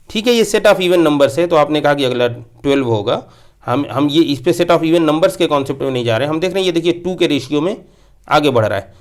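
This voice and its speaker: A man giving a patient maths lecture who repeats key points and mixes English terms into his explanation. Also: fairly high pitch. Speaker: maths teacher. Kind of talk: classroom lecture.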